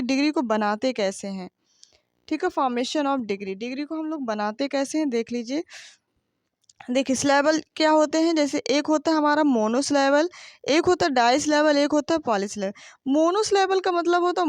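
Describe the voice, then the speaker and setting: A woman's voice: high voice, no room sound. A woman teaching a grammar lesson, explaining patiently with rhetorical questions and frequent checks that the class understands.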